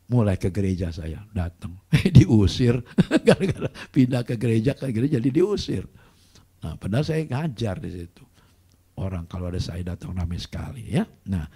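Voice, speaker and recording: A middle-aged male pastor preaching a sermon, telling stories in an animated way and acting out the dialogue in a gravelly, raspy voice. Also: mid-range voice. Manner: animated storytelling, acts out dialogue.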